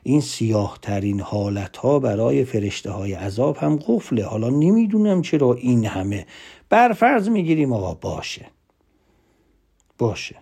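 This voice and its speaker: A man giving a lively motivational talk, emphatic, swinging between loud asides and hushed whispered lines. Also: lowish voice, gravelly, breathy edge. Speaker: motivational speaker.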